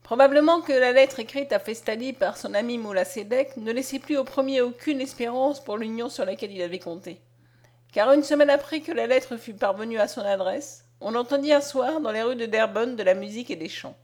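A woman reading a literary tale aloud with expressive, dramatic storytelling. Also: fairly high pitch, brisk. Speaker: audiobook reader. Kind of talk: literary narration read aloud.

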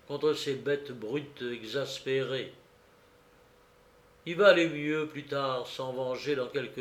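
A man reading a classic novel aloud in a slow, measured narration, lifting his voice for quoted shouts. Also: mid-range voice, echoey room. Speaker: audiobook reader. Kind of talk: literary narration.

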